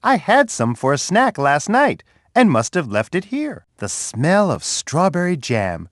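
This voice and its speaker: A big, gentle bear from a children's game, with a warm, soft, sing-song voice that swoops very widely as he cheers on a young player. He chuckles easily and talks like a kindly friend. The recording is dry and close, with no room sound at all. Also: fairly high pitch, wildly swooping pitch, measured pace, no echo, heavily acted. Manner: encouraging, speaks directly to a child player. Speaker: voice actor for a children's game character. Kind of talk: scripted game voice clips. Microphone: dry studio booth.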